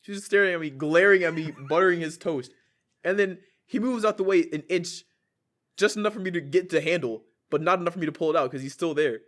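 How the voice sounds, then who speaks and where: A man's voice: on the high side, fast talker, a bit bright. A man co-hosting a podcast, telling a story in casual chat, full of fillers and laughter. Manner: storytelling with frequent likes and laughter. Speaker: podcast co-host.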